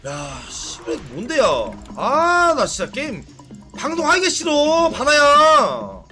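A man streaming a game live, excitable and trash-talking, swearing and bursting into shouts during fights. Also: extremely high pitch, takes it slowly, faint music behind. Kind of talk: live game-play commentary.

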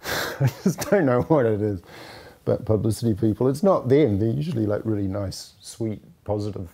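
A man's voice: lowish voice, animated, normal speed, warm tone. A man, a writer, telling a rambling, self-deprecating story in an interview, full of fillers. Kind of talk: casual interview anecdote.

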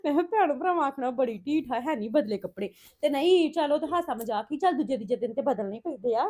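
Casting: Punjabi woman, family vlogger, higher-pitched voice, plaintive and homely, rambling casual chat to viewers. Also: animated, fast talker, warm tone. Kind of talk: casual chatty home vlog.

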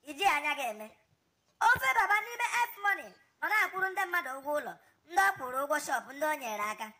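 An excitable cartoon family man with a West African accent from Nigeria. The voice is extremely high, sharp and racing, full of scolding exclamations in a comic dub. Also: fast talker, exaggerated voice. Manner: exclamatory, mixes in English phrases.

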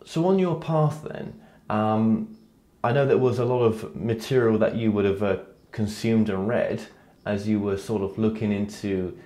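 A man in his thirties interviews a guest in a living room, his voice a touch low. He sounds friendly and encouraging, with plenty of fillers. The room adds a clear echo. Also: steady tone, unhurried. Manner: warm, encouraging, frequent "um" and "wow". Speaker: interviewer, host. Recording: roomy indoor echo.

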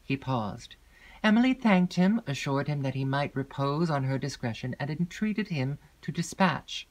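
A woman narrating a classic gothic novel as an audiobook, in a measured, even storytelling manner. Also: sits low.

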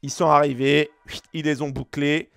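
A man's voice: a little high, level tone, moderate pace, vocal fry, fairly bright tone, dry recording, faint music behind. A young man, a gaming streamer, spinning a rambling tall tale with slang and mouth sound effects into a close desk mic. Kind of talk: rambling tall tale during a game pack opening.

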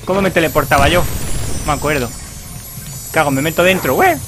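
A man's voice: on the high side, quick pace, over music. A man from doing playful, jokey let's play commentary, clowning in character. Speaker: gaming YouTuber.

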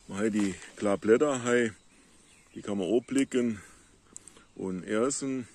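A man with a Moselle Franconian dialect explaining plants on a casual nature walk outdoors in the countryside, in a halting, unhurried way. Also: fairly low pitch, a little mellow. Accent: Moselle Franconian dialect of the Saar-Moselle area. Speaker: local nature video maker.

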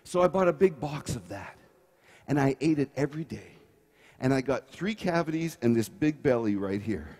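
Lively preacher, playful and animated. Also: male voice, mid-range voice, moderate pace, slightly rough. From Canada. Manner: playful, animated storytelling with audience participation. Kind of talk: sermon.

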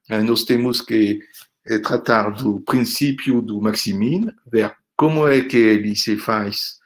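An older, French-accented visiting professor gives the closing remarks of an online lecture from a room at home, recorded through his laptop webcam on a video call. His mid-range voice comes out haltingly, full of fillers and tag questions.

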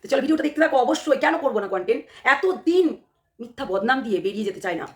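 Hoarse, fast-talking woman vlogger. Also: a little high, animated. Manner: heated and emphatic, repeats phrases, fires rhetorical questions. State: hoarse from a cold. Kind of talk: casual direct-to-camera commentary.

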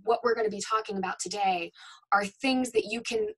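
A woman in her thirties co-hosts a webinar from home into a webcam, her pitch sitting mid-range. She sounds upbeat and reassuring, chiming in with quick agreements. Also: a bit bright. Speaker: voiceover demo producer. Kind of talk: webinar co-hosting. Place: home room, indoors. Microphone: webcam on video call.

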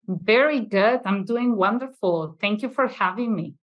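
A middle-aged woman with a medium-pitched voice speaks at a measured pace over dull audio. Raised in Venezuela with Italian as her first language, she has a Venezuelan accent and answers conversationally as an interview guest who owns a childcare school, speaking from a classroom over a video call.

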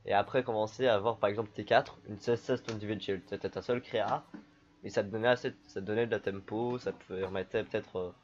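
A man streaming a card game, talking casually through his moves in a relaxed, rambling way with lots of fillers. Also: on the low side, quick pace, dull audio. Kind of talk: casual gameplay commentary.

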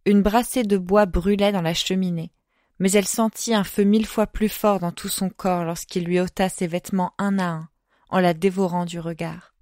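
Woman reading an audiobook, measured. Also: fairly low pitch, fairly even intonation, a little mellow, no echo, clean studio sound. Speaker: audiobook narrator. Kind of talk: scripted narration.

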